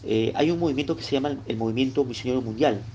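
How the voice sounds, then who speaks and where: Speaking rapid-fire in a middle-pitched voice with a dark tone, a Lima-born Peruvian man delivers a recorded Bible lesson in Lima-accented Peruvian Spanish. He keeps it chatty, talking directly to the listener and tossing in little tag questions. The audio is dull, with a faint hiss underneath.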